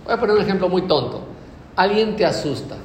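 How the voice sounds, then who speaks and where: A man preaching a sermon, animated, acting out little examples in other voices. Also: high-pitched, a little fast, slight background noise. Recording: echoey hall with faint ambience.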